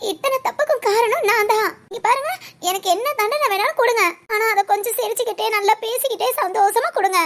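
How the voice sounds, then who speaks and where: A woman's voice: very high voice, quick pace, fairly bright tone. A woman voicing an anxious young wife and teacher who frets to herself and pleads with her policeman husband in an audio drama. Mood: pleading. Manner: fretful self-talk, coaxing and pleading.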